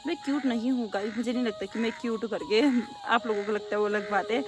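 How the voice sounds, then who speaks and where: A young woman vlogger from the hill region, answering viewer questions in quick, loud, casual chat. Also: a little high, steady tone, background noise. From Pahadi hill region of North India. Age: young adult. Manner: talks very fast and rather loudly.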